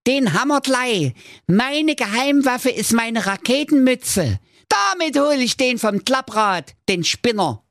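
A tiny, boastful male dwarf agent brags in a piping, very high voice. His cheeky squeak sounds dry and up close. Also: big pitch swings, takes it slowly, fairly bright tone, no room sound, exaggerated voice.

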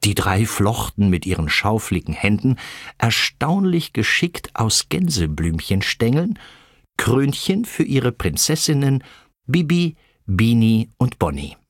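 A man narrating a children's animal story with expressive storytelling. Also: a little slow, no echo, studio quality. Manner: expressive storytelling with lively pitch.

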